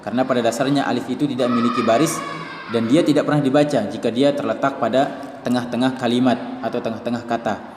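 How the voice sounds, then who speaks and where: Methodical Indonesian teacher in echoing hall. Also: male voice, mid-range voice, fairly even intonation, fast talker, a little mellow, slight background noise. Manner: methodical, explains the script step by step. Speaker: Quran reading teacher. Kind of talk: tajwid lesson explaining written signs. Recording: reverberant hall with faint music.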